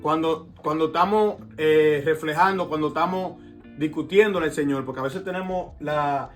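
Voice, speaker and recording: A man talks over a faint guitar in a casual faith conversation, his voice sitting a little high for a man. He speaks reflectively, repeating phrases and checking in with listeners as he goes. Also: steady tone, moderate pace. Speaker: co-host of a faith talk show. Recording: phone recording with guitar music behind.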